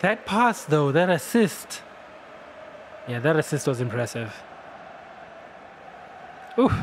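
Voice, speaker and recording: A man giving casual gameplay commentary, excitable, laughing often and shouting at big plays. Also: fairly high pitch, slow, a little hiss or hum. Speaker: gaming channel host.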